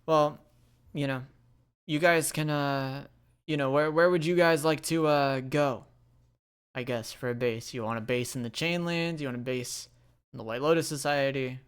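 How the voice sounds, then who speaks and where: A man's voice: medium pitch, moderate pace, clean tone, close to an everyday voice. A man playing a proud male team captain who announces his team's feats. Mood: offhand.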